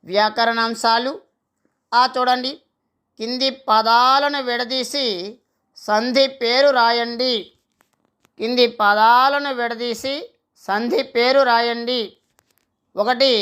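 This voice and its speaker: Woman, Telugu teacher, clear smooth voice, very slow dictation, repeats answers. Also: a little high, a bit bright. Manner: repeats each answer slowly for students to write down. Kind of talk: slow classroom grammar lesson, dictating answers.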